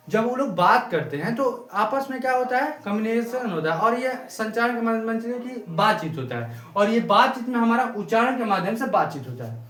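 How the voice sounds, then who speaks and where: A man with a high voice teaches a grammar lesson in a classroom. He repeats key words slowly, dragging them out as if dictating to students. The room rings with a clear echo. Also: fairly bright tone. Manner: repetitive, drawn-out word-by-word dictation. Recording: echoey room.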